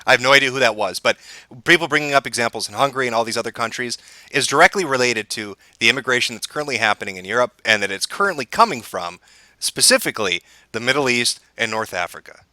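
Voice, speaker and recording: A man's voice: mid-range voice, expressive, fast talker, pushed and bright, dry recording. A man hosting a podcast, arguing bluntly in a profane, mocking casual debate over a call. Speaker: podcast host.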